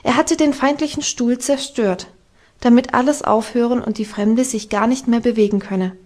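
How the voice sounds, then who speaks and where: A woman narrating a classic children's novel as an audiobook, with calm, even storytelling. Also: on the high side, normal speed. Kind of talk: scripted narration.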